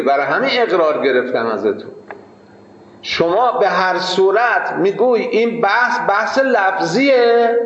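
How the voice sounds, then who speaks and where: A man's voice: high voice, fairly bright tone, reverberant, muffled recording. A man teaching students in an informal lecture, arguing his point and firing rhetorical questions at the listeners. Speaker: seminary teacher.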